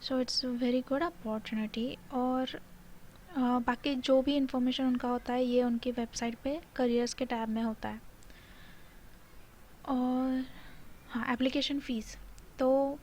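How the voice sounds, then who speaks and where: An Indian woman with a rather high, darkish voice hosts an informal video explaining a job notification. She reads out the details and explains them in Hindi mixed with English phrases. Background noise is clearly audible in the recording.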